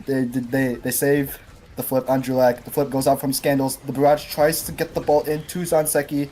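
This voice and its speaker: A woman casting an esports match live, excitable and animated, often laughing between plays. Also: very deep voice, moderate pace, slight background noise. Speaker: esports caster. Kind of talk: live play-by-play commentary.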